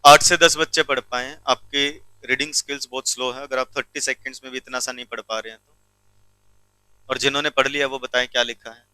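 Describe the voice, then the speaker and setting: A man's voice: medium pitch, steady tone, a little fast, pushed and bright, clean tone, no room sound, low-quality recording. A male teacher giving a classroom law lecture, keeps checking whether students follow and teases them sternly.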